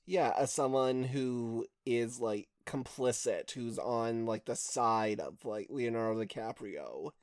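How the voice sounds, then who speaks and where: A man talking casually about a film on a podcast, relaxed with wry asides. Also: mid-range voice, takes it slowly, few pauses, no room sound, clean studio sound.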